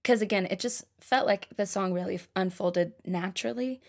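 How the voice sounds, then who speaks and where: A woman's voice: medium pitch, a little fast, a little mellow. Chatty, self-deprecating young woman songwriter. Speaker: singer-songwriter. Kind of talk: casual talk about songwriting.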